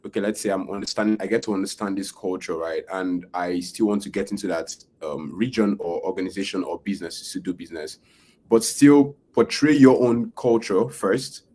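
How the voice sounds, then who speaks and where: This man has a fairly low, darkish voice and hosts an interview podcast. His casual questions run long and rambling, packed with fillers and tag questions, and he keeps tossing in "right?"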